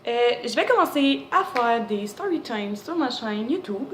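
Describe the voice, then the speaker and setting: Quebec French teen girl, a bit high, rambling storytime vlogger, roomy echo. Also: animated, unhurried. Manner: chatty, many fillers, acts out the dialogue. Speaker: YouTuber. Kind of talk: casual storytime vlog. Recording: echoey room, faint background noise.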